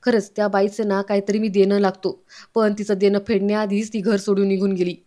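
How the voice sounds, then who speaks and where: A woman's voice: mid-range voice, level tone, a little fast, warm tone, close to an everyday voice. A woman voicing an older grandfather who talks in a chatty, reflective way as she retells a family serial. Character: grandfather, older man, fond of cooking.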